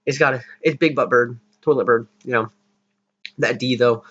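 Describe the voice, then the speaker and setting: A young man's mid-range, slightly bright voice keeps a fairly even intonation at a normal speed as he talks through his league battle team plans. The gaming commentary is casual and rambling, full of self-mockery and laughter at himself. The lo-fi mic sounds a little dull.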